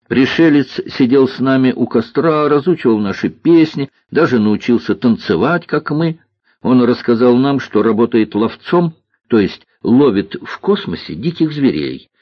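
A man with a husky voice voicing an earnest, sad young boy pilot in an audiobook story. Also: mid-range voice, no echo, voice pushed up. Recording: dull lo-fi dry recording.

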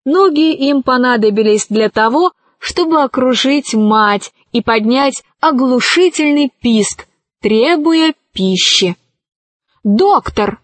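A woman narrating a storybook in a measured, storytelling manner. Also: high voice, animated, no echo. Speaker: audiobook narrator. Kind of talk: scripted narration.

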